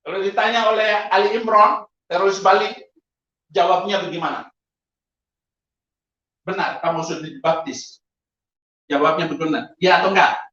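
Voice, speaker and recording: Animated male preacher in an echoey hall. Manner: animated storytelling, laughing often, sudden high exclamations. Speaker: pastor. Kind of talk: testimony sermon. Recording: echoey, distant, lo-fi hall sound.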